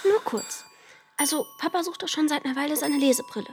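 A woman's voice: sits high, quick pace, a little hiss or hum. A woman voicing a pert young daughter who narrates a radio play, faint music behind. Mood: cheeky.

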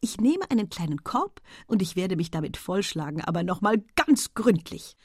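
A woman's voice: on the low side, big pitch swings, normal speed, breathy edge, dry recording, studio quality. A woman doing a flustered fussy husband. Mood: pleased. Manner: huffing, flustered.

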